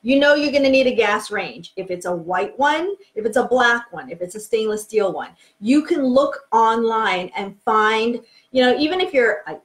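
Frank, chatty woman teaching renovation. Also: mid-range voice. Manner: frank, chatty, emphatic, with frequent ums. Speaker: home renovation coach. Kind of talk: casual live-video teaching. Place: home office, indoors.

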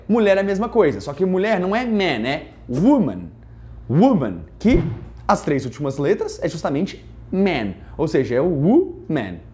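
A man's voice: fairly high pitch, darkish tone. A young man from Brazil teaching English in a casual online lesson, jokey and playful, with lots of asides.

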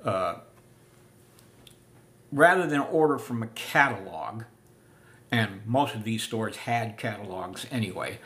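An older man giving a casual spoken history lesson, unhurried with many filler pauses, seated in a room full of antiques. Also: mid-range voice, a bit bright. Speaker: living history presenter.

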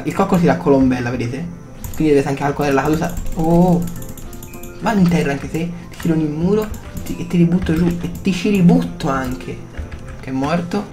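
A man giving excitable, reactive gameplay commentary, swearing casually and talking to his viewers. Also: a little high. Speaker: gaming YouTuber.

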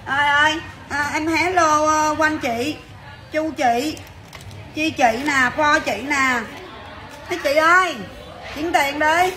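High bright chatty saleswoman. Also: some chatter behind. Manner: chatty, brisk, calls out to viewers. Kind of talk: fast livestream sales patter.

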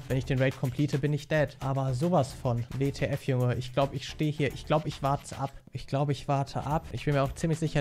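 A man giving excited, slangy live commentary on his own gameplay, swearing often. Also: mid-range voice. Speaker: gaming YouTuber. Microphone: studio mic.

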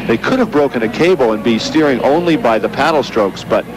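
A man's voice: medium pitch, expressive, fairly quick, crowd noise, rough recording. A man commenting on a kayak race as an expert, explaining strokes and tactics. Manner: analytical, predictive. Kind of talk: sports commentary.

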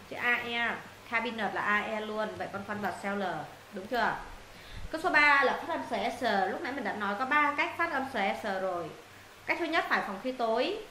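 A woman teaching an English lesson to her students, walking them through answers and firing quick questions to check they follow. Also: on the high side, sharp tone. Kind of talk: classroom lesson explaining answers. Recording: roomy echo, faint noise.

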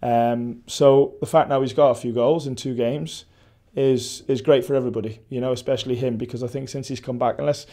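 At a stadium's indoor press backdrop, a Welsh coach in his forties speaks close to the microphone after the match. His tone is mellow, dark, and steady in the mid range, a little fast with few pauses, and he restarts and uses fillers often as he works through his thoughts.

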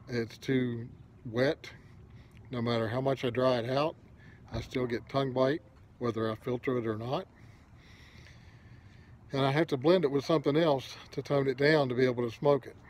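An older man speaks at an average pitch with a pipe clenched in his mouth. His talk is casual and meandering, like unscripted advice to viewers. A faint hum of noise sits behind him. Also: steady tone, moderate pace, pauses often. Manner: easygoing, rambling, advice-giving. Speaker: pipe smoking video host. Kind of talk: casual unedited monologue to camera.

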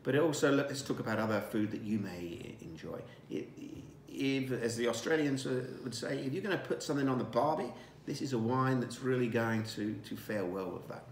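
Recorded by a camera facing him across a dining table indoors, a sixtysomething winemaker hosts a wine tasting, relaxed and savoring, often using fillers and restarting. His mid-range voice keeps a normal speed with hardly any pauses. The room echoes, with slight hiss or hum.

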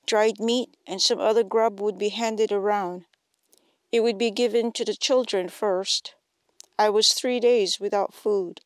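A woman from Hawaii calmly reads a scripted historical narration. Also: mid-range voice, a little slow, clear, resonant tone, no room sound. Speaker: narrator and co-host.

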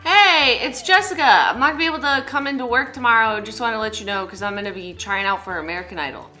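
A young woman making casual prank calls indoors, explaining herself in a deadpan, rambling way. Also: fairly high pitch, fast talker, faint music behind. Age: young adult. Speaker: prank caller and show host. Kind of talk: casual prank phone call and chat. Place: small indoor room, seated at a table.

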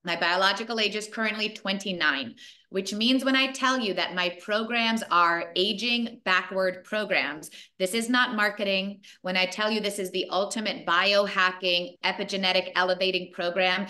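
A woman in her forties on a video call, presenting a fitness program to her partners in an energetic, emphatic way and repeating points for stress. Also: medium pitch, normal speed. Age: 40s.

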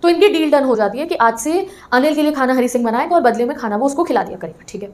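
A young woman teacher reading English lines slowly and explaining each one casually. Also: high voice, lively intonation. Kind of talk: line-by-line English lesson explained in Hindi.

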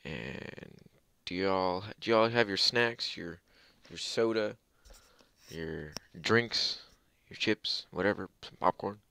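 A man's voice: deep voice, takes it slowly, vocal fry, sharp tone, smooth, no echo. A man hosting a video game let's play, rambling casually and joking with viewers. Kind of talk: casual gameplay commentary.

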